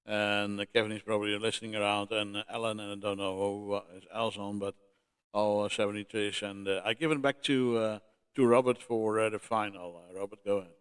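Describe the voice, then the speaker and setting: Man, low voice, smooth and resonant, halting friendly talk, ham radio host. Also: level tone. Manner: halting, friendly, many fillers. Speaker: ham radio operator and livestreamer.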